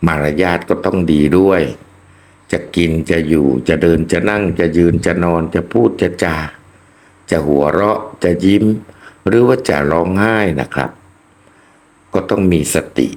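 Retired man in his sixties, deep low voice, unhurried moralizing talk to viewers. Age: 60s. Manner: slow, preachy, addresses listeners as friends. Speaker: channel host. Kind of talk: reflective monologue to viewers.

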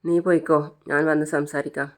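A narrator reading a young man's earnest reassurances to his family in a flat voice. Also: mid-range voice, a little fast, lightly acted. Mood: reassuring.

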